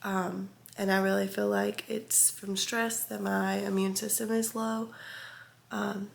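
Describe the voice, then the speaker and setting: A sick young woman with congestion and a chest cough talks candidly to her vlog viewers in a casual, confessional way. Her medium-pitched voice is flat, slow and fried, and she sounds stuffed-up, hesitant and meandering.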